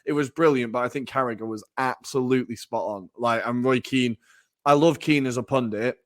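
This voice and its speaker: A man co-hosting a football podcast, talking in an animated way, laughing and swearing now and then. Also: mid-range voice, a little fast, no room sound, clean studio sound. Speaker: podcast co-host. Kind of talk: casual football analysis.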